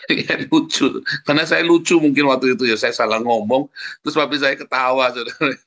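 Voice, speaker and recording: A man's voice: mid-range voice, brisk, fairly bright tone. A male pastor giving a conversational, humorous sermon with an Indonesian accent, telling family stories and often turning to the congregation. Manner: conversational and humorous, often adds "saudara ya" and laughs while telling a story.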